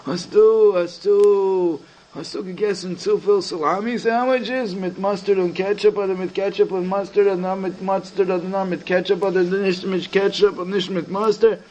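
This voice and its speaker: A talkative, fussy secretary full of rambling, teasing questions, as a storyteller puts him on. The voice sits high for a man and stays light and easygoing. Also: steady tone, moderate pace, a little mellow, lo-fi sound, natural voice. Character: chatty, friendly male secretary, fussy and jokey.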